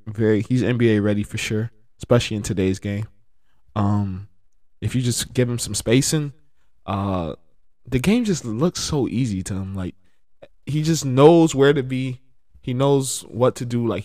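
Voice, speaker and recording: A man in casual sports chat, rambling and relaxed, with lots of fillers and bursts of excited laughter. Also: medium pitch, no echo, clean studio sound.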